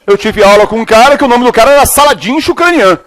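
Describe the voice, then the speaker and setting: A middle-aged man teaching a chemistry class, informal and joking, alternating slow dictation with fast, animated asides. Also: extremely high pitch, a little hiss or hum. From Brazil. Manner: lively, informal, jokey, switches between slow dictation and fast talk. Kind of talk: classroom lecture, dictating problems.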